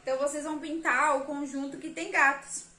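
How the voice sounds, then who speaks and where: A woman's voice: sits high, fairly even intonation, fairly quick, pushed and bright, echoey room. A Brazilian woman teaching a remote lesson to young children, patiently counting aloud and spelling out words. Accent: Brazilian Portuguese. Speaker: primary school teacher.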